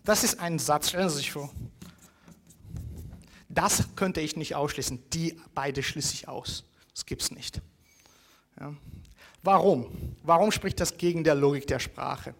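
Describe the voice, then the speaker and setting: Man, university lecturer, lots of ums, slightly high voice. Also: a little slow, creaky, pauses often, a bit bright. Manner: hesitant, many fillers, rhetorical "ja?" checks.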